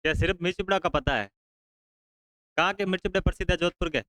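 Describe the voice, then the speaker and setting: A male teacher, bantering with his class and teasing students into speaking up loudly. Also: high-pitched, fast talker, no echo, poor audio.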